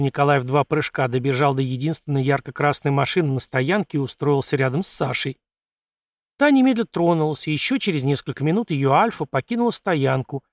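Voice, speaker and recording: A man's voice: on the high side, dry recording. Male audiobook narrator, dry close voice. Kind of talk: scripted narration.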